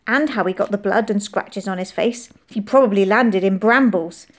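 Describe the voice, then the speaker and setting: A woman voicing an excitable young boy who is eager and easily frightened, talking in breathless exclamations. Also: mid-range voice, moderate pace, lightly acted. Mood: excited.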